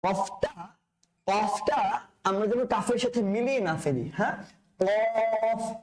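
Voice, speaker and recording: A man's voice: sits high, takes it slowly, a little mellow, poor audio. A man teaching the pronunciation of Arabic letters, drilling each letter by repeating it and addressing the learner as sir, with playful asides. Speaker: Quran reading teacher.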